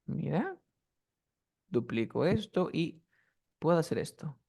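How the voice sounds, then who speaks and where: A man's voice: a little high, big pitch swings, slow, creaky, a little mellow, slightly rough. Patient male teacher drilling words. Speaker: English teacher. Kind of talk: online class instruction.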